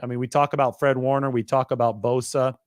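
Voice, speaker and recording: A male sports reporter delivers a quick, conversational monologue packed with statistics. His mid-range voice stays steady, recorded close and dry with no echo.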